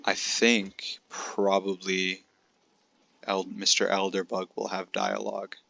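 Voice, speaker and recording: A young man commentating on his own gameplay for viewers in a loose, chatty way. His voice sits on the low side yet sounds bright and forceful. He gets excited easily and keeps turning to talk to his audience. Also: takes it slowly, creaky, no echo, muffled recording. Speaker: gaming commentator. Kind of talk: casual let's-play commentary.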